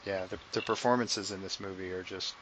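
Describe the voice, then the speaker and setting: A man's voice: low-pitched, steady tone, fairly quick, noisy background. A man co-hosting a podcast, talking casually in a rambling way with frequent restarts. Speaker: podcast co-host. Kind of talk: casual chat.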